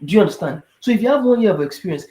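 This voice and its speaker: A man's voice: high-pitched, rapid-fire. A man, a tired immigration advisor talking casually to viewers and often asking whether they understand. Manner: animated, asks rhetorical questions, repeats "do you understand". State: tired, yawning. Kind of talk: casual explainer talk to viewers. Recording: echoey room.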